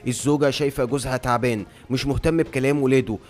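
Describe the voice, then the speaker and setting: Fast-talking Egyptian storyteller man. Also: mid-range voice, fairly even intonation, a little mellow. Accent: Egyptian Arabic. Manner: brisk, dramatic storytelling. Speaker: comics story narrator. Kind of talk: comic book story recap.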